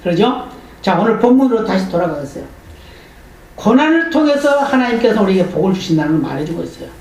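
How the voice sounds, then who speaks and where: A man's voice: high voice, quick pace. Male pastor preaching in a very echoey church. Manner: animated storytelling, voicing the people in the story. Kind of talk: sermon. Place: church sanctuary. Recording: very echoey hall, voice from far off.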